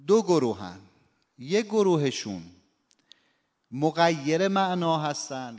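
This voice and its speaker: A man teaching a lesson, explaining word stress patiently and slowing down to demonstrate examples. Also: fairly high pitch. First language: Persian. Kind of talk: spoken lecture on phonetics. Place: lecture room or workshop. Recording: long hall reverb.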